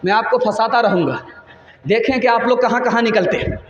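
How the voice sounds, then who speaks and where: A male Islamic preacher speaking rapidly to a gathering, telling comic examples and teasing the crowd to raise their hands. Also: very high-pitched, lo-fi sound. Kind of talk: religious gathering speech with comic anecdotes. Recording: roomy echo, faint music behind.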